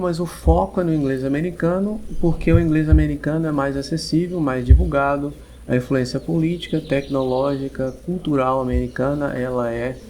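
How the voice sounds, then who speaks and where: A man with a Brazilian Portuguese accent, an English teacher giving long, measured explanations as a podcast guest, often restarting his sentences. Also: medium pitch, dark tone, a little hiss or hum. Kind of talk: podcast interview.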